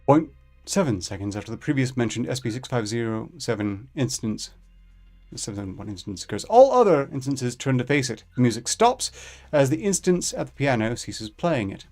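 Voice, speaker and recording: A man reading a fictional document aloud, live, in a measured, clinical manner. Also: mid-range voice, sing-song, darkish tone, faint music behind. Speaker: reader.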